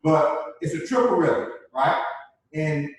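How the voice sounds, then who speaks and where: Teaching a live online dance class, a male instructor keeps repeating the main points and asking "right?" to check in. He speaks slowly in a sing-song voice on the high side, picked up by a distant mic in a very echoey room.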